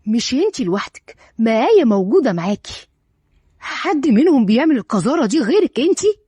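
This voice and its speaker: A woman's voice: mid-range voice, very animated, fast talker, slightly rough, no echo, clean studio sound. A woman with an Egyptian accent voicing a harsh, hot-tempered young man in a storybook reading, threatening and scolding. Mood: angry. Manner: threatening, shouting in anger.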